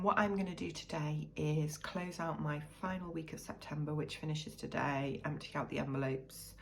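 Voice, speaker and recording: A British budgeting vlogger, croaky from a cold, chats casually and thinks aloud while counting cash into budget envelopes. Her voice is low-pitched and creaky, and the poor audio carries a slight hiss or hum.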